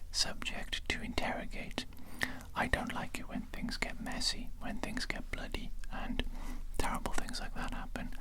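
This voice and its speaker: A performer plays a patient secret-facility interrogator in a whispered role-play. The voice stays a breathy, unvoiced whisper. The delivery is deliberate and condescending, coaxing with quiet menace. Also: natural voice, poor audio. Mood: satisfied, condescending.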